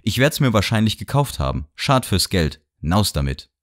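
A man voicing a talkative middle-aged gentleman on a train who rambles and lectures cheerfully. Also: lowish voice, big pitch swings, normal speed, pitched above the performer's own voice. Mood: boastful. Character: chatty middle-aged gentleman traveler, boastful and nosy. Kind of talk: audiobook character voice. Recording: dry studio sound.

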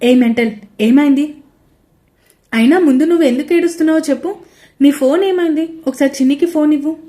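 A woman's voice: high voice, brisk, warm tone, pitched above the performer's own voice, natural voice. A woman voicing a caring young husband who comforts his wife over the phone in an audio story. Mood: worried. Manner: soothing, reassuring on the phone.

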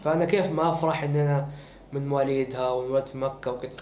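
A young man, a vlogger host chatting excitedly to camera and repeating himself for emphasis. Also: mid-range voice, rapid-fire. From born in Mecca, Saudi Arabia. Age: young adult. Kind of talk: casual chat to camera. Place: small indoor room with gaming desk. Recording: echoey room with faint hiss.

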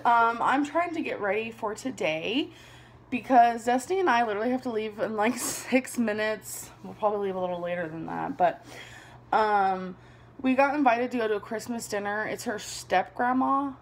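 Young woman vlogger, mid-20s, chatty and rambling, slight vocal fry, faint hiss. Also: fairly high pitch, normal speed. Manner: chatty, rambling, laughs often. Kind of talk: casual chat to camera. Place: small bedroom indoors. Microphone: camera on a desk below her.

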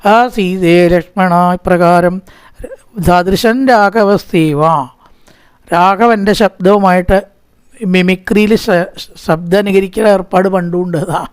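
A man giving a scripture discourse who chants verses slowly, then explains them in quick conversational talk and asks himself rhetorical questions. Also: high voice, steady tone, smooth, dry recording. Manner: asks and answers his own rhetorical questions. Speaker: religious storyteller.

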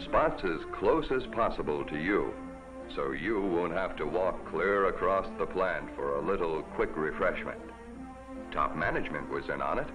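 A man narrating a 1950s TV commercial as a folksy, upbeat pitchman. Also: animated, normal speed, rough recording. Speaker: commercial announcer. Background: music.

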